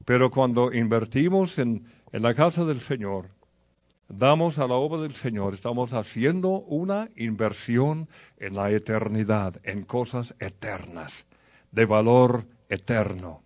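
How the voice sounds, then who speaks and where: A man's voice: medium pitch, expressive, measured pace, darkish tone. A man preaching a sermon in a conversational way, telling stories and speaking directly to the congregation.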